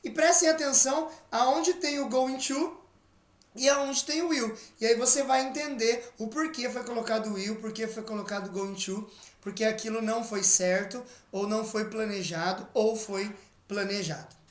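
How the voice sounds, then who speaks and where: A man from Brazil with a Brazilian Portuguese accent, teaching an online English lesson and patiently reading English examples out slowly. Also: sits high, steady tone, roomy sound.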